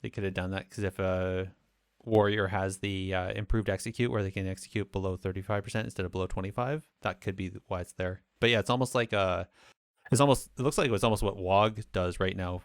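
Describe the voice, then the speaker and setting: A man with a low, gravelly yet smooth voice hosts a relaxed roundtable chat. He talks in an easygoing way, with plenty of "uh"s, as he moves the group along. The sound is dry and close. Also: a little fast, dry recording. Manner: easygoing, filler-heavy, steering the talk. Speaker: podcast host.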